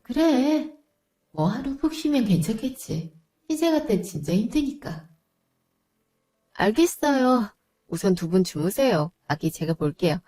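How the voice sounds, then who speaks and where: Calm, patient daughter-in-law acted by a woman, mellow mid voice, dry studio read. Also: a little high, unhurried, long pauses, dry recording. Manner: calm, polite. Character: patient young wife, kind daughter-in-law.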